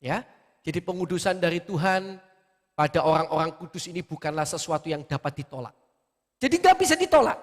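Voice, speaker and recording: Male pastor, high and lively delivery, sermon in a reverberant church hall. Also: fairly quick. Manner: animated, with many rhetorical questions.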